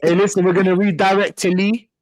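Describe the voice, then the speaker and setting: A man's voice: high-pitched, little pitch movement, fast, dry recording, rough recording. A man with a London roadman accent hosting a casual football fan live stream, using urban slang and repeating phrases for emphasis.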